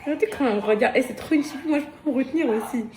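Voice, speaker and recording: A woman vlogging casually on her phone at home, chatty and excitable, talking straight to her followers and laughing often. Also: high-pitched, racing, a crowd in the background. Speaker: lifestyle vlogger. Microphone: phone held at arm's length.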